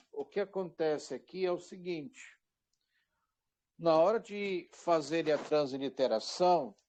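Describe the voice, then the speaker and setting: A man teaching an online Hebrew class on a microphone, patient and repeating words slowly while pointing things out. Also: fairly high pitch.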